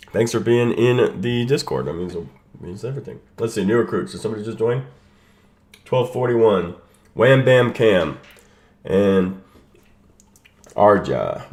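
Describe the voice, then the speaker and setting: A man with a lowish, slightly dark voice and lively intonation speaks at a measured pace with long pauses. He's hosting a watch party live stream, chatting casually with his chat and greeting people by name as he sets up, his voice sick and congested from a sinus infection. Echo from unmuted stream audio can be heard.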